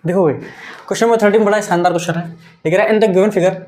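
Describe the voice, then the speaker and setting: Brisk, coaxing male maths teacher. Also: sits high, fairly even intonation, a little mellow. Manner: brisk, coaxing and repetitive, mixing Hindi and English. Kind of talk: exam-prep lesson.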